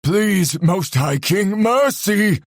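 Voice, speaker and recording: A woman's voice: mid-range voice, animated, very slow, dry recording, studio quality. A woman voicing a terrified male elf captive who pleads for his life in a shaky, raised voice, for an audiobook. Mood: pleading. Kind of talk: audiobook narration.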